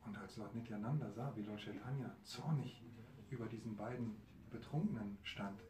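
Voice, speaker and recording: A man telling a devotional story to a live audience, lively and asking his listeners questions. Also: lowish voice, moderate pace, a crowd in the background. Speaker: storyteller, preacher. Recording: roomy hall, mic far, audience.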